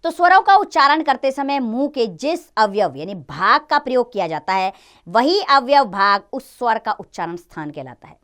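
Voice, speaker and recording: A woman with a fairly high voice, teaching grammar to children in a classroom lesson. Her pitch rises and falls a lot as she explains step by step. She poses questions and answers them herself. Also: very animated, normal speed, fairly bright tone.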